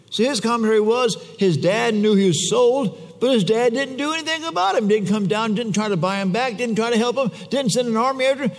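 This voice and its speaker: A man preaching a sermon in a church, telling the story in a casual, conversational way with chatty asides. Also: high voice. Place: church sanctuary. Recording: long church reverb.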